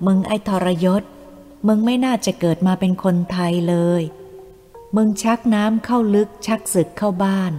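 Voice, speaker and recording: A woman's voice: mid-range voice, moderate pace, natural voice. A woman voicing a defiant young captive woman who curses her captors fiercely. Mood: furious. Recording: reverberant room with soft music.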